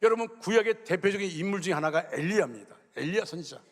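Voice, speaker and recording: A middle-aged man preaching a sermon as senior pastor, telling a personal story with emotion, dropping to a hush and then rising fervently. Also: sits high, lively intonation, fast talker. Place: church sanctuary. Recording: long reverb of a church hall.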